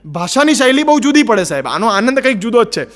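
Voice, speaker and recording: A man's voice: very high-pitched, sing-song, fast, background noise. A man with a Gujarati accent performing a stand-up comedy routine, telling stories with put-on voices and broken English.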